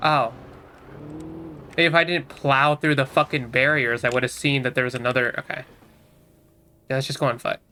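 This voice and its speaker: Guy playing a game and chatting, bright voice, kinda self-roasting, faint hiss behind. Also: medium pitch, fairly even intonation, moderate pace, pauses often. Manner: chatty, self-mocking muttering to viewers. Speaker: gamer streaming a playthrough. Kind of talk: casual let's-play commentary.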